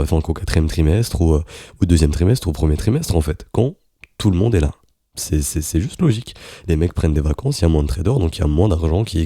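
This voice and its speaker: Very deep, thick sore-throat male voice. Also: dark tone, no room sound, clean studio sound. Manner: halting, searching for words. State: sick with a sore throat, thick swollen-tonsils voice. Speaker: host of a daily crypto trading briefing. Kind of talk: informal spoken market commentary.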